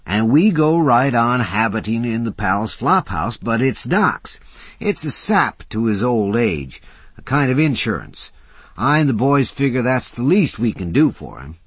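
A man's voice: mid-range voice, very animated, unhurried, husky, no room sound, voice pushed up. A male reader voicing a scrappy, persuasive drifter who talks in a folksy, ungrammatical drawl. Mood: scheming. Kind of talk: audiobook character voice.

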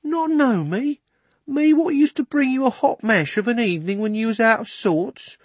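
A man reading aloud gives a cabby, high and loud, with a rough drawl. He grumbles with indignation, blunt and stubborn, like a working man who feels wronged. The storybook voice is dry and close. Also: animated, moderate pace, no echo, full character voice. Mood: indignant. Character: male cockney cabby, blunt and loyal.

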